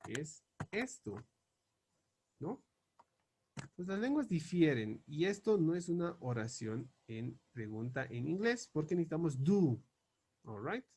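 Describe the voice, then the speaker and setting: A man teaching English grammar, spelling out example questions slowly and word by word as he writes them up. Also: on the high side, sing-song, dark tone, husky. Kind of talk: explaining grammar on a board.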